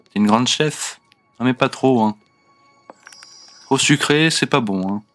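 Male let's play host, young adult, mid-pitched, unhurried casual commentary addressed to his game characters. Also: a bit bright. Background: faint game music.

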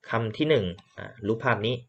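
A man's voice: fairly low pitch, brisk, creaky, highs cut off. A man teaching English vocabulary, repeating words for drilling and explaining patiently. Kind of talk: slow classroom lesson.

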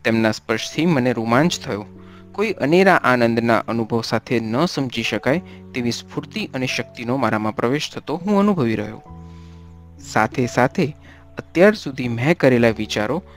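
Audiobook narrator: man, mid pitch, measured dramatic delivery, faint music bed. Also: expressive. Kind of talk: scripted first-person narration.

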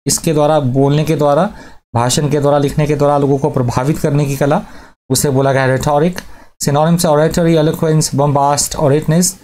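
Male vocab teacher, a bit high-pitched, mellow tone, steady list-reading delivery. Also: normal speed, slight background noise. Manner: methodical word lists, synonyms and antonyms. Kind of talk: vocabulary lesson.

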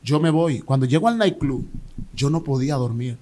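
A man with a Dominican accent giving an emotional personal testimony as an interview guest, telling his story in an animated way with restarts and repeated words. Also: medium pitch, normal speed. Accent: Dominican Spanish.

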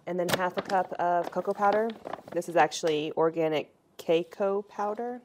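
Low-voiced woman chatting in her kitchen. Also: moderate pace, background noise. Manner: chatty and relaxed, talking through each step. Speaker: home cooking vlogger. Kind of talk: casual cooking demonstration. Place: home kitchen indoors. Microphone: camera across the room.

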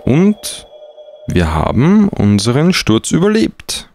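A man's voice: medium pitch, huge pitch swings, slow, darkish tone, soft background music. A man doing casual, hesitant let's play commentary on a game with dry irony. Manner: hesitant, dryly ironic. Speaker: let's player.

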